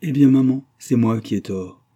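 A desperate young noblewoman from a storybook pleads with tense urgency. A man performs her, raising his dark, husky voice. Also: mid-range voice, moderate pace, muffled recording, voice pushed up, lightly acted. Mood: pleading.

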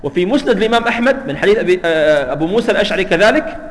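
Quick-talking man teaching in a hall. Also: high-pitched, expressive. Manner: asks students "clear?" often, explains with repetition. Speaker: Islamic studies teacher. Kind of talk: hadith commentary lesson.

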